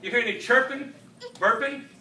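A man's voice: extremely high pitch, moderate pace, bright, forceful tone. A middle-aged man performing as a kids' party magician, with playful patter and mock surprise in a live children's show. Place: school library room, indoors. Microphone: camera at a distance. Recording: echoey room, distant camera, audience noise. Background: audience of children.

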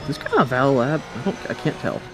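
A man's voice: medium pitch, noisy background. A man streaming a sim race and chatting casually with his teammates as he drives. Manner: quick, animated banter. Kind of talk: casual team chat while racing.

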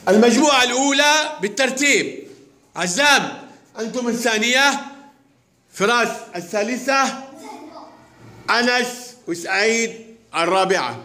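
High-voiced man running a class. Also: expressive, sharp tone. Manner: brisk commanding calls to pupils. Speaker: primary school teacher. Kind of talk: classroom instruction. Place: large classroom. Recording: noisy classroom with clicks.

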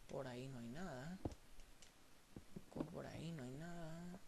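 A man with a Mexican Spanish accent, casually commentating his own gameplay to viewers with lots of swearing and excited outbursts. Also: a little high, a little slow, vocal fry, very noisy. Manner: profane, excitable, talks to viewers while playing. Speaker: gameplay channel host.

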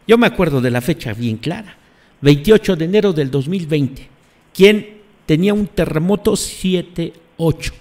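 A man's voice: fairly high pitch, lively intonation, normal speed, a little mellow. A man hosting live commentary on earthquakes, emphatic, repeating phrases and putting questions to his audience. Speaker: host.

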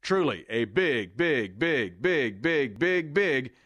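A man's voice: mid-range voice, very animated, slow, fairly bright tone, no room sound, lo-fi sound. A man reading an enthusiastic scripted promo voice-over in an announcer's delivery. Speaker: promo narrator.

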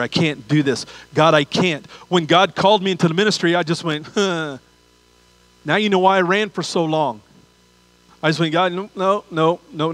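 Poor audio captures an older pastor's sermon on a large auditorium stage, his fairly high voice sounding fairly bright. He talks conversationally, emphasizing ideas by repeating phrases and asking rhetorical questions.

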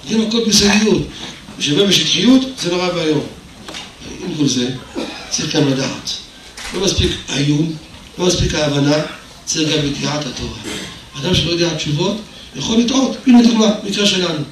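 A man's voice: fairly high pitch, pauses often. An older man giving a Torah lecture, telling stories and acting out the dialogue, with emphatic bursts. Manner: storytelling, acts out dialogue, rises to emphatic bursts. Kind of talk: sermon with told anecdotes. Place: hall of a religious institution. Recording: very echoey hall, voice from far off, faint noise.

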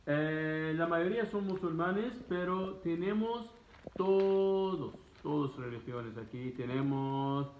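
A man in his thirties from Egypt, whose first language is Arabic, answers viewer questions as a travel vlogger from his living room, speaking casual second-language Spanish. His voice is on the high side and slow, and he's animated and gesturing. Shot on a phone camera at arm's length, it sounds tinny and echoey with slight background noise.

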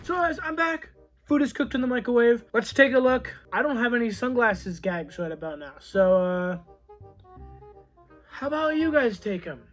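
A man's voice: very high-pitched, lively intonation, moderate pace, soft background music. A young man reviewing microwave food at home in an easygoing, chatty way, talking to a camera across the table. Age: young adult. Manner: chatty, easygoing, lots of "you know". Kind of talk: casual food review vlog. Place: small room at home, seated at a table.

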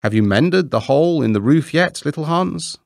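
A man's voice: fairly low pitch, very animated, slow, no room sound, studio quality, voice pushed up. A man voicing a self-righteous male miller who lectures in a raised, pompous tone. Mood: smug. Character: smug, preachy grown male miller.

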